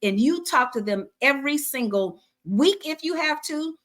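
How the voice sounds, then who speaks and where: A woman's voice: high-pitched, animated, moderate pace, fairly bright tone. A middle-aged woman who teaches personal finance, running a webinar and answering questions with an encouraging, preacher-like cadence and lots of repetition. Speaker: financial educator.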